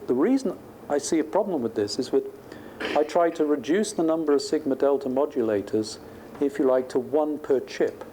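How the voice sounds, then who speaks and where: Thinking aloud in a conversational style, a male professor walks through technical ideas informally during a lecture. His voice is warm and medium-pitched, captured in a clearly noisy university lecture room.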